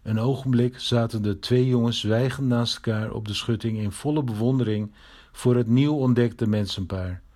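A man reading a children's story aloud in a steady, measured way. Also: medium pitch. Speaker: narrator.

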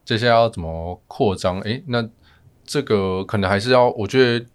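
A man with a Taiwanese Mandarin accent explaining things as a guest in a casual podcast interview, softening his sentence endings. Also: on the low side, moderate pace, clear, resonant tone. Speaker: family physician guest.

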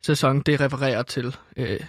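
A man's voice: medium pitch, steady tone, no room sound, studio quality. A man talking football on a radio show, casual and hesitant with many ums. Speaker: football pundit.

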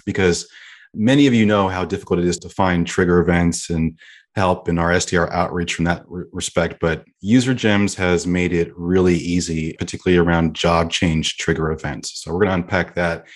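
A man's voice: deep voice, steady tone, a little fast. A man hosting a sales podcast, introducing his guest in an upbeat, enthusiastic way. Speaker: podcast host.

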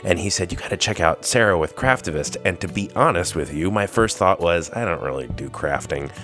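A man hosting a podcast in an informal, effusive way, sick and hoarse with his voice giving out. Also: deep voice, a little fast, a bit bright, soft background music. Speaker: podcast host. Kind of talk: conversational podcast introduction and interview.

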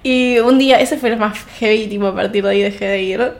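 A woman's voice: mid-range voice, fairly quick. A young woman with an Argentine accent telling stories in a casual podcast chat as co-host. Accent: Argentine Rioplatense Spanish. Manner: lively storyteller, chatty.

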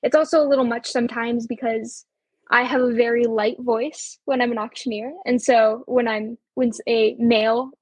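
Here a seventeen-year-old auctioneer from Colorado chats brightly as an interview guest, often saying um and letting out small laughs. She speaks at a moderate pace in a fairly high, steady voice with a breathy edge, and the recording is dry.

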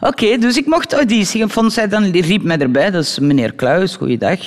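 A Flemish woman, a guest actress in a radio interview, telling animated anecdotes and acting out the voices of people in them. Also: medium pitch, brisk, in a large hall. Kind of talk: lively storytelling in a radio interview.

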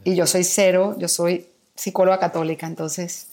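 A woman's voice: on the low side, level tone, normal speed, darkish tone. A middle-aged woman from Mexico, a guest telling her personal story with vivid, candid emotion. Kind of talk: personal testimony in a podcast conversation.

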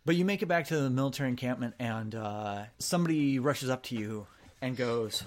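A man's voice: medium pitch, expressive, brisk. Casual man running a tabletop game. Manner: casual, rambling with fillers and restarts. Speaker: game master. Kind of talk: narrating a tabletop role-playing game.

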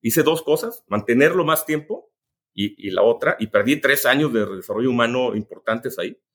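A man's voice: mid-range voice, lively intonation, moderate pace, breathy edge. A man with a Mexican Spanish accent, a business executive telling workplace anecdotes in a casual interview. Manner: anecdotal, many restarts and asides.

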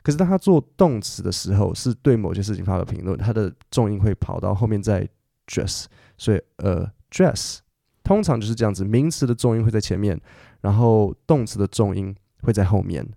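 A man's voice: lowish voice, lively intonation, fairly quick, gravelly, warm tone, no echo, clean studio sound. A middle-aged man, hosting a podcast English lesson and explaining patiently with fillers and self-corrections. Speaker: English teacher and podcast host.

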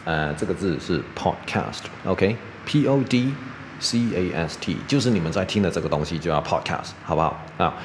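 A middle-aged man teaching English pronunciation on a podcast, chatty and relaxed, tagging "OK?" onto his sentences. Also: low voice, moderate pace, in a large hall, noisy background. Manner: relaxed, chatty, peppers speech with "OK?".

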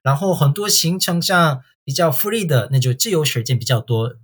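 A man from South Korea speaking Mandarin as a foreigner with a Korean accent, answering interview questions casually in halting, simple phrases as a tour guide. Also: a little high, animated, slightly rough.

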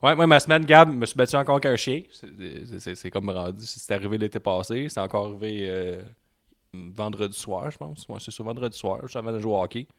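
Brief: Québécois male co-host, rapid rambling storyteller, dry close sound. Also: on the low side, creaky, a bit bright, no echo. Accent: Québécois French. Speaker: podcast co-host. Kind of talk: casual podcast chat.

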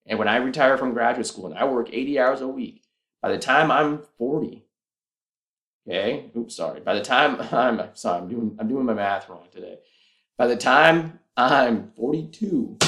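A man hosting a podcast alone, talking earnestly and persuasively as he walks through numbers step by step. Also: mid-range voice. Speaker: podcast host. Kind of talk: casual solo podcast talk.

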